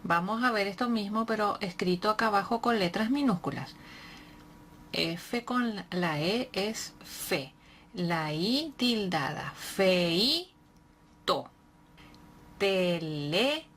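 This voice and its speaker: Woman reading tutor: drawn-out syllables, very unhurried, encouraging, light noise under the voice. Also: mid-range voice, animated, a bit bright. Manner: slow, clearly spelled syllables with patient encouragement. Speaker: reading teacher. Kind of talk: slow syllable-by-syllable reading lesson.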